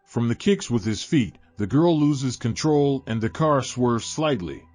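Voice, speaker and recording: Guy reading scary stories, mid pitch, bouncy intonation, faint music behind. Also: lively intonation, a little slow, a little mellow, no room sound. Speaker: narrator. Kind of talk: scripted horror story narration.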